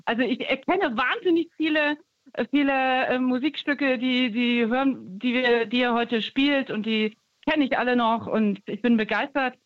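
A woman's voice: a little high, moderate pace, dry recording. Hesitant woman caller on a dull line. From Stuttgart, Germany. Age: 50s. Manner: hesitant, rambling, lots of fillers. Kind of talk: radio phone-in chat.

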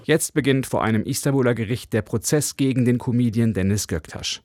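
A male foreign correspondent reading a radio news report in a clear, measured way. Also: mid-range voice, darkish tone, no room sound, studio quality.

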